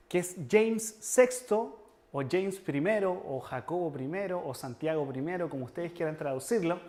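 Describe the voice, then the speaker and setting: High-voiced earnest male preacher. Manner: earnest, emphatic, addresses listeners directly. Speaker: preacher teaching church history. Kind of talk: sermon-style lecture.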